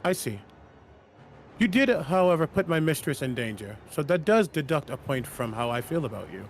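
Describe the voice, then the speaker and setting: A man's voice: on the high side, very animated, moderate pace, slight background noise. A man playing a loyal, protective servant in a tabletop game, with a dry, precise, very formal way of talking. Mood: dry reproach. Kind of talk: tabletop role-play.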